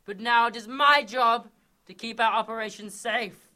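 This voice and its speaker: A woman's voice: fairly high pitch, moderate pace, background noise, natural voice. A woman playing a male schoolteacher who fusses with praise and turns cold and threatening. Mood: menacing. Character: male schoolteacher, proud then secretly villainous.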